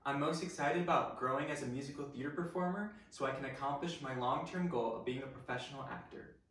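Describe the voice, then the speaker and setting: A man's voice: medium pitch, fast, a bit bright, a little hiss or hum. An eighteen-year-old man from Indiana, earnestly introducing himself and his goals. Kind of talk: self-introduction. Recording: echoey room, distant mic.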